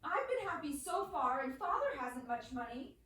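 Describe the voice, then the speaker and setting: A woman's voice: high-pitched, sing-song, normal speed, fairly bright tone. A woman playing an earnest, proud young woman in a period drama, polite but spirited. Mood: indignant. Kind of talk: stage-style period drama dialogue. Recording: very echoey, distant, faintly noisy room recording.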